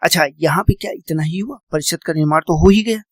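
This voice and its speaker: A man's voice: a little high, quick pace, no room sound. A man teaching a classroom lecture, repeating key points, quizzing his students and calling them "beta".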